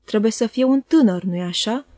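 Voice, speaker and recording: Stern stout old head waiter in a storybook reading, curt and dismissive, read by a woman, with a dark, mellow tone. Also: fairly high pitch, dry recording, close to an everyday voice.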